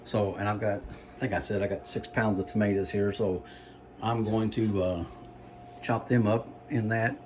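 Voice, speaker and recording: A man giving a casual home cooking demonstration, explaining things in a halting, unhurried, folksy way. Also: lowish voice, level tone, darkish tone, slight background noise. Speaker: home cook presenting a recipe.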